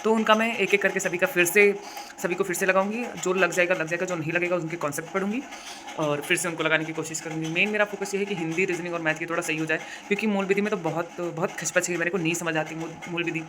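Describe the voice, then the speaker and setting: A woman's voice: on the low side, steady tone, quick pace, background noise. A young woman from India chatting casually in a vlog, telling stories, with a sore throat and a cough now and then. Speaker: vlogger.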